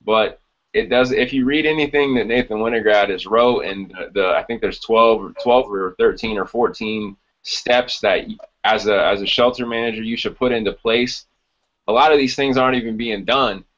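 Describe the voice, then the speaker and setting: This podcast co-host, a man in his thirties, chats informally from a small home room over a computer video call. Fairly low in pitch and a bit bright, his voice holds a steady tone at a moderate pace, though the lo-fi call audio sounds dull.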